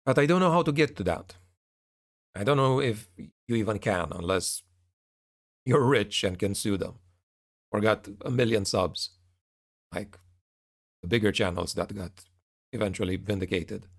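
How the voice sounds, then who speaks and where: Low-voiced man giving a hesitant channel update. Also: measured pace, pauses often. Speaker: YouTube narrator and channel creator. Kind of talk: casual spoken update to viewers.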